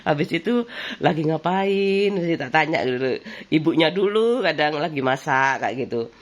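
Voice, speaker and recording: A woman's voice: sits low, expressive, normal speed. Chatty woman cooking. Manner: rambling and reminiscing, laughs often. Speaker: vlogger. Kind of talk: casual chatty vlog while cooking.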